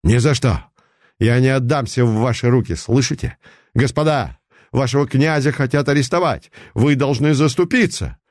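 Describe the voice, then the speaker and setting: A man voicing a desperate adventurer posing as a prince, high-strung and pleading, in a dry recording. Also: animated, moderate pace, a little mellow, no room sound, lightly acted. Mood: defiant.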